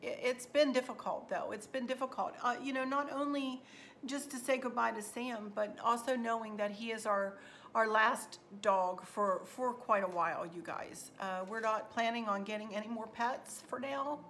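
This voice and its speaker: A woman, chatting warmly to viewers in a home vlog from her kitchen and often repeating words for emphasis. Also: on the high side, moderate pace, a little hiss or hum. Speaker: vlogger.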